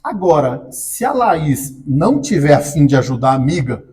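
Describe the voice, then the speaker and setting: A man from Brazil gives an exam-prep grammar class in a fairly high voice. He jokes with the students, asks them questions and then answers them himself. He reads the example words slowly and loudly. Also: sing-song. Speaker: teacher.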